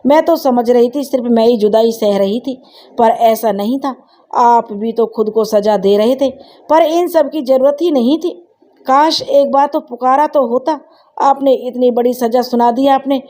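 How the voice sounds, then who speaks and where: A woman's voice: on the high side, unhurried, dark tone, natural voice. A woman voicing an elderly wife who is grieving and tearful, pleading and reproachful with her husband.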